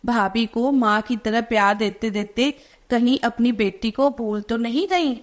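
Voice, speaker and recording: A woman voicing a young married working daughter who talks in a quick, fretful way. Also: a little high, close to an everyday voice. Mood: complaining.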